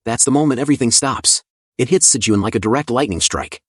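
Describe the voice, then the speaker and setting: Guy doing a chill story recap, kinda husky, dry close mic, talks like he's chatting. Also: mid-range voice, fast, no room sound. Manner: conversational, chatty asides. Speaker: recap narrator. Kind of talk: casual scripted story recap narration.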